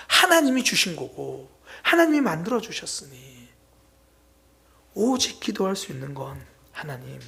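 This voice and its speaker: A man preaching a sermon as pastor at a Friday prayer meeting, swinging between loud exclamations and hushed whispers. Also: sits high, gravelly. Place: church sanctuary.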